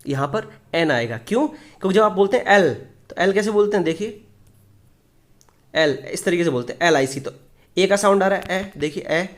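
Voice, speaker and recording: Man, high voice, grammar teacher leading a Hindi classroom lesson, asks and answers his own questions, reads examples slowly. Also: expressive. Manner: explains step by step, asks questions and answers them; reads English example sentences slowly and deliberately.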